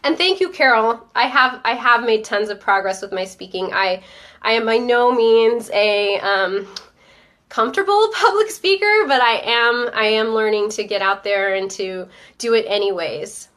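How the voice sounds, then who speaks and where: A woman's voice: mid-range voice, fairly bright tone. A woman with a stuffy head cold hosting a live stream, chatting upbeat with viewers and reading out their comments. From Northern Virginia. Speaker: host of a live-streamed show. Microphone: webcam or phone on a live stream.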